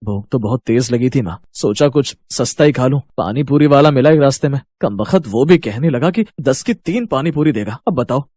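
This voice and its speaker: A man's voice: medium pitch, expressive, brisk, few pauses, warm tone, dry recording, natural voice. A man voicing a tired, hardworking elder brother in a cartoon story, grumbling about prices in town. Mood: weary. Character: weary hardworking elder brother, young adult farmer.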